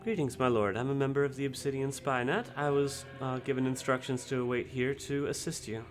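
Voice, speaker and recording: A man's voice: mid-range voice, fairly quick, soft background music, lightly acted. A man speaking as a female spy character in a tabletop game, formal and deferential.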